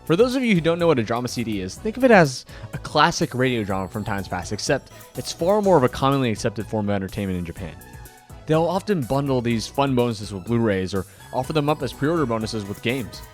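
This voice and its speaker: An anime fan hosts a scripted commentary video, delivering it with enthusiasm and dramatic emphasis over background music. His mid-range voice is sing-song and fast.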